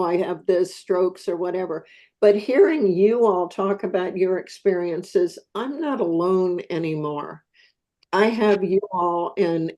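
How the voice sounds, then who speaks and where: A woman in her seventies, a support group member, sharing her experience in a slow, heartfelt way over a video call. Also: mid-range voice, mellow, poor audio. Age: 70s.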